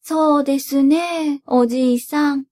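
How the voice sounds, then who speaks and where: A kind, polite old grandmother from a storybook folk tale, voiced by a woman narrator. She speaks softly in a high, unhurried voice. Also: steady tone. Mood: gentle. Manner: polite soft speech, raised pitch. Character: gentle old village grandmother.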